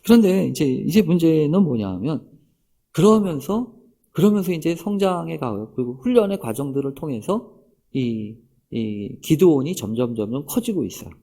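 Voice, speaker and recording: A man's voice: on the high side, big pitch swings, moderate pace, warm tone, breathy edge. A man preaching a sermon as pastor, speaking straight to the congregation with many rhetorical questions.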